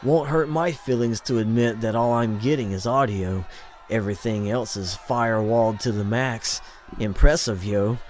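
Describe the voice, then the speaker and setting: A man's voice: on the low side, normal speed, a little mellow, slight background noise, natural voice. A man voicing a cocky, teasing hacker who speaks through a hidden audio link, in an audiobook reading. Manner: brash, teasing, slangy. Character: cocky young hacker voice, show-off, brash.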